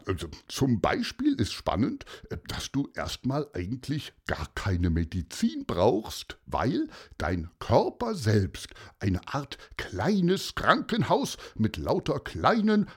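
A man's voice: mid-range voice, huge pitch swings, takes it slowly, hardly any pauses, slightly rough, exaggerated voice. A man voicing an enthusiastic friend who explains things in a children's story. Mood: excited. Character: eager grown-up friend explaining the body.

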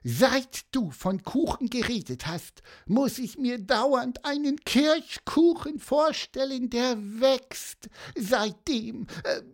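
A piping little bird from a children's audio story, cheerful and a touch self-important. The voice sits very high, leaps around lively, and the words come slow and drawn out. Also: male voice, full character voice. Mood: eager. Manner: piping, eager, chatty. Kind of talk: storybook voice acting.

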